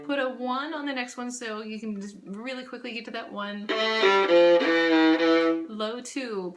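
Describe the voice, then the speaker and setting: Patient woman teaching viola in echoey room. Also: a little high. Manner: patient, explains slowly, sings rhythms. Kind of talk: casual music lesson.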